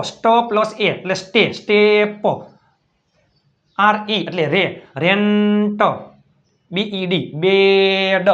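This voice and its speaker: A man runs a beginners' English lesson, spelling each word out slowly letter by letter and saying it again and again. His voice sits high, and he keeps checking that his listeners follow. The recording sounds muffled and lo-fi. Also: fairly bright tone. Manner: repeats words and keeps asking "right?". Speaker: English teacher.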